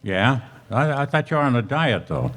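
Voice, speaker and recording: A man's voice: medium pitch, very animated, moderate pace, fairly bright tone. A man playing a terse, dutiful police sergeant, clipped and businesslike, in an old-time radio police drama. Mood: dryly teasing. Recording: live stage radio play with music.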